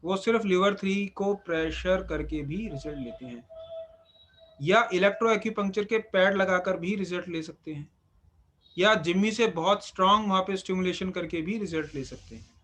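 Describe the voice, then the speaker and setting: High-pitched guy teaching acupuncture class, keeps repeating stuff to drive it home. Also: normal speed, a bit bright. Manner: instructive, repeats phrases for emphasis. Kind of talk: live class lecture.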